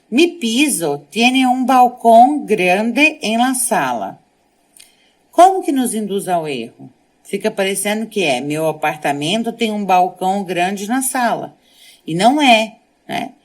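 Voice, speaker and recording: A woman teaching a Spanish lesson, speaking Portuguese as her first language, who reads sentences aloud and then translates and explains them. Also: mid-range voice.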